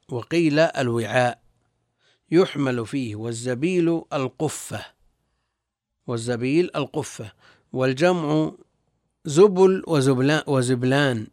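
A man's voice: mid-range voice, a little mellow, no room sound, studio quality. A male religious scholar reading and explaining texts in formal classical Arabic, repeating phrases as he goes. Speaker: religious scholar, guest teacher.

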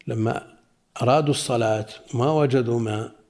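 Mellow-voiced man reading a classical text. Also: medium pitch. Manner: slow, deliberate reading with spoken asides. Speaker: religious teacher.

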